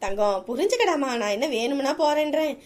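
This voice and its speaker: A caring, fussy grandmother past sixty from a village comedy skit, played by a woman. She talks high and quick, coaxing and soothing over and over. It has the plain sound of a home-made sketch. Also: sing-song, a little hiss or hum. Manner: soothing, coaxing, repeats sarikka. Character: elderly village grandmother, fussing and tender.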